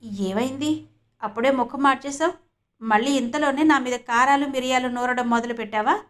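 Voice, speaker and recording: A woman's voice: sits high, normal speed, fairly bright tone. A woman voicing an earnest young wife who apologizes with regret, in an audiobook reading. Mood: teasing.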